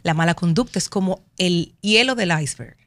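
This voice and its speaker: A middle-aged woman with a Dominican accent, a broadcaster speaking as a guest and telling animated stories about raising her daughters, acting out what each person said. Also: fairly low pitch, brisk, no echo. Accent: Dominican Spanish. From Dominican Republic. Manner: animated storytelling, acts out quotes. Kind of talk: conversational interview.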